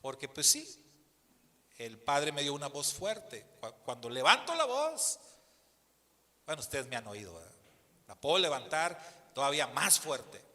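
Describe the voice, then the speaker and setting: Animated Mexican pastor in a reverberant hall. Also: male voice, on the high side, unhurried, pauses often. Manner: animated storyteller who acts out the people in the story. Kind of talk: storytelling sermon. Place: church hall.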